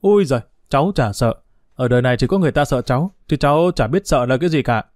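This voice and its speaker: A man's voice: medium pitch, lively intonation, quick pace, a little mellow, no echo, studio quality, close to an everyday voice. Defiant young father, as a male narrator puts him on: brash, blunt, plain voice. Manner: blunt, rough-spoken.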